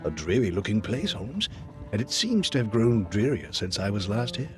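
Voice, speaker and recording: A man playing a loyal, kindly Victorian doctor in an audio drama, speaking in a genteel, old-fashioned and expressive way. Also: fairly low pitch, normal speed, faint music behind. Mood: warm, wry.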